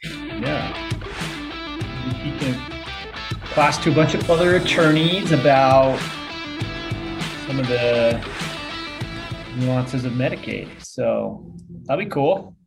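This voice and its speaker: Gravelly-voiced man chatting easily. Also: mid-range voice, slow, long pauses, music in the background. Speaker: podcast co-host, attorney. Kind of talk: casual chat.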